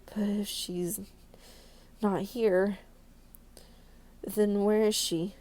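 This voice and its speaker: A woman's voice: medium pitch, flat delivery, very slow, mellow. A woman voicing a frightened, superstitious real estate agent in a horror visual novel, with dramatic, anxious delivery. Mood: panicked.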